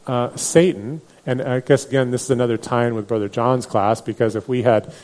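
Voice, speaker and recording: A man's voice: mid-range voice, mellow. A man teaching a Bible class in a conversational way, with many fillers and restarts. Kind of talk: Bible study lecture.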